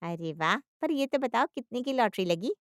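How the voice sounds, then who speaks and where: A woman doing a sharp nosy daughter. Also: on the high side, lively intonation, no echo, clean studio sound, lightly acted. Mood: probing. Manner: brisk and questioning. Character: sharp nosy adult daughter, quick-witted.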